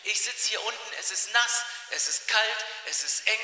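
A preacher takes on a forsaken young man stuck down in a well, asking question after question in disbelief. The voice is high and very bright. It rings with a long reverb through a large hall. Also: normal speed. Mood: despairing. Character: young biblical man, abandoned and bewildered. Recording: echoey hall.

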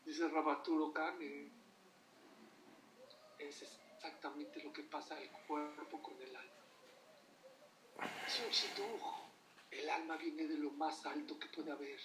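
A man giving a religious talk, telling stories in an animated way and putting questions to his listeners. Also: on the high side, slow, pauses often, background noise. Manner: animated storytelling, asks the audience questions. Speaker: religious teacher. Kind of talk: sermon. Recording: echoey room from far off.

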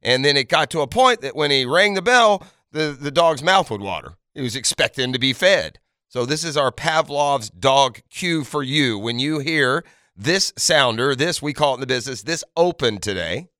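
A man works as a morning show host on sports radio, with a bright, clear voice. He talks in an earnest, conversational monologue aimed right at the listeners, leaning on his points. The sound is dry and close, as on a studio microphone. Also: mid-range voice, animated, moderate pace, dry recording. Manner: earnest, emphatic, addresses listeners directly.

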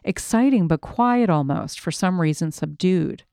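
Woman reading a memoir, low and mellow. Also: animated, gravelly, no echo, studio quality. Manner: measured, reflective storytelling. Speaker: narrator. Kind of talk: first-person memoir reading.

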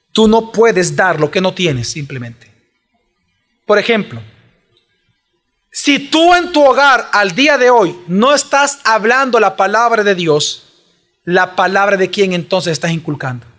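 A man's voice: high voice, expressive, measured pace, pauses often, a bit bright, soft background music. A man preaching a sermon, pressing his listeners with emphatic rhetorical questions.

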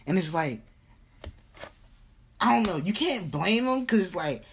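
A young man co-hosting a casual podcast chat, telling stories in loose, slangy, animated talk. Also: high voice, measured pace, a little hiss or hum. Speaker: podcast co-host.

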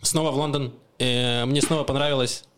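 A young man from Ukraine co-hosting a podcast in casual chat, telling animated stories and acting out the people in them. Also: medium pitch, a little fast, slight background noise. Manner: animated storyteller, acts out quoted voices. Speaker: podcast co-host.

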